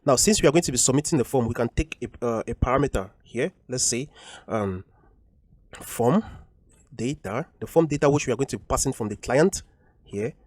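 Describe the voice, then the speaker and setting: Guy teaching code over his screen, mid pitch, explains things twice, lots of ums, dry sound. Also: brisk, darkish tone, no room sound. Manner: explains patiently, repeating points with frequent ums. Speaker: coding tutorial instructor. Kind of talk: screen-recorded coding walkthrough.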